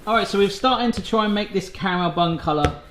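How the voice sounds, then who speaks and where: This male cooking vlogger talks quickly in a high, somewhat bright voice. He jokes and explains every baking step casually in his kitchen, and the room sounds echoey with a little noise.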